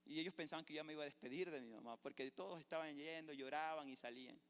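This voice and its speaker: Un pastor con acento ecuatoriano predica con fervor y cuenta su testimonio. Su voz es un poco aguda para un hombre. La grabación suena en un templo amplio con reverberación larga. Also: male voice, a little high, quick pace, fairly bright tone, clean tone. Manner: fervent preacher, storytelling testimony. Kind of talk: sermon. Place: church sanctuary. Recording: echoey church hall.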